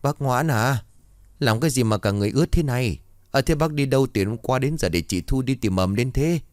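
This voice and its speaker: A man's voice: mid-range voice, animated, fairly quick, a little mellow, no echo, clean studio sound, pitched above the performer's own voice, lightly acted. A man doing a grumbling old villager. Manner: grumbling, scolding, coarse. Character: grumpy old village man, easily startled.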